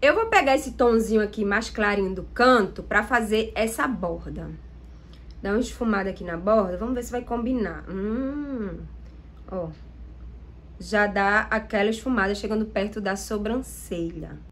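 A woman's voice: mid-range voice, normal speed. A Brazilian woman doing a makeup tutorial, talking to viewers in an enthusiastic, chatty way as she tests the products. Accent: Brazilian Portuguese. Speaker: makeup vlogger.

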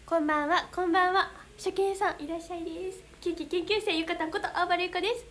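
Bubbly high-voiced young woman with Kansai accent. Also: steady tone, quick pace, fairly bright tone, slight background noise. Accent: Kansai Japanese. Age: young adult. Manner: bubbly, giggly, flustered exclamations. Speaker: idol livestreamer reading fan comments. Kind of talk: casual livestream chat.

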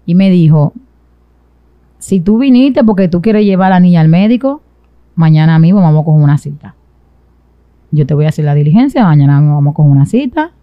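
A young woman from the Dominican Republic, speaking with a Dominican accent in a lowish voice, is a guest in an interview telling her own story. She sits on a small indoor studio set with a sofa, and the boom-arm mic near her mouth produces muffled audio with no echo.

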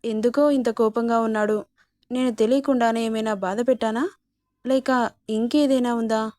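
A woman's voice: fairly high pitch, steady tone, normal speed, dark tone, no echo, lightly acted. A woman voicing an affectionate young woman in a spoken romance story, in a coaxing, sweet manner.

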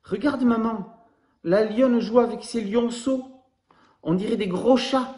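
A man voicing a cheerful little girl baby koala in a storybook, with an excited, childish voice. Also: high-pitched, takes it slowly, voice pushed up. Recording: roomy echoey room.

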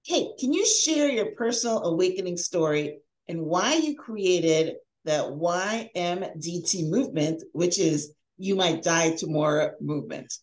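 A middle-aged podcast host and life coach reads a scripted introduction and then interviews a guest over a video call at home. Her fairly low, slightly mellow voice is animated and unhurried with few pauses, and her delivery upbeat and emphatic despite poor audio.

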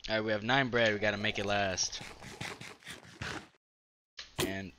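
Host, male gamer: low-set but very bright, edgy voice, pitch all over the place, swearing and yelping through casual play commentary at a desk mic. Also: unhurried, slight background noise. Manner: excitable, profane, trash-talking, sudden yelps. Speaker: gaming channel host.

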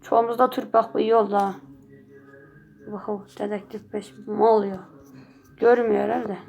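A woman hosting her own gaming channel, giving casual running commentary over gameplay, easily excited and quick to swear and yell at the game. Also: mid-range voice, vocal fry, narrow, tinny audio.

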